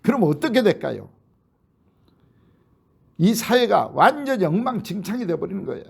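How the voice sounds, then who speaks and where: A man preaching a sermon in a church, telling a film's story in an animated way and acting out the characters' lines. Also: high voice, normal speed, vocal fry, husky. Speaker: pastor. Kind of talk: sermon, retelling a film.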